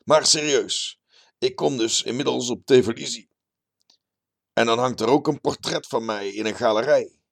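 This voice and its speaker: Boastful jolly café regular, loud high exclamations, voiced by a man, gravelly. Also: normal speed.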